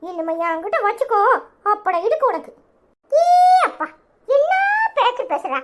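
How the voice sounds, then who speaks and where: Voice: very high voice, big pitch swings, moderate pace, fairly bright tone, heavily acted. A performer voicing a brash, defiant young village man in a cartoon comedy, with a Tirunelveli Tamil accent and a taunting manner. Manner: taunting, jeering.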